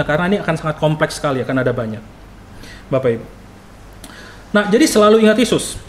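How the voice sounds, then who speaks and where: A man delivering a sermon in a slightly raised voice, exhorting his listeners and turning to them again and again. He poses rhetorical questions and answers them himself. Faint noise sits under the recording. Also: a little high. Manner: exhorting, with frequent direct address to the listeners. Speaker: preacher. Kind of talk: sermon addressing a congregation.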